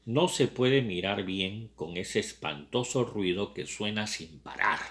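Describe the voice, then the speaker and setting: A man reading aloud, voicing a brooding young man who longs for freedom, with slow, reflective questions. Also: lowish voice, fairly bright tone.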